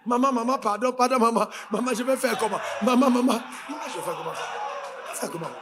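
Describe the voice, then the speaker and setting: A man's voice: very high-pitched, steady tone, quick pace, very noisy. A man voicing a grown husband who begs his wife like a child, in a whining, pleading way. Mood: pleading whine.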